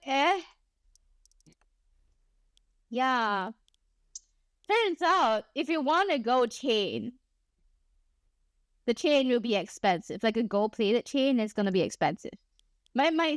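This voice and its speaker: A woman's voice: a little high, dry recording. A young woman from Singapore with a Singaporean accent, chatting casually and animatedly while streaming a game. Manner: animated and chatty, frequent laughs and exclamations. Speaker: VTuber streamer. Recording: dry close mic, soft music behind.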